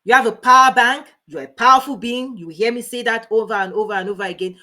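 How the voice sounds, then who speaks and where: A woman hosting a motivational livestream as a life coach, talking fast and emphatically, repeating key points and greeting viewers by name. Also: on the high side, pushed and bright. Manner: speaking fast.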